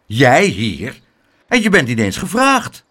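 A loud, indignant mother from a children's storybook, stern and quick to scold, as a man reads her out. She barks her lines with force and an animated, swinging pitch. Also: slightly rough, heavily acted. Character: stern indignant middle-aged woman, a mother.

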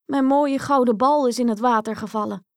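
A woman voicing a spoiled, squeamish young princess who talks in a high, whiny way, in a storybook reading. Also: brisk, a little mellow, clear, resonant tone, no echo, clean studio sound, lightly acted. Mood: pleading.

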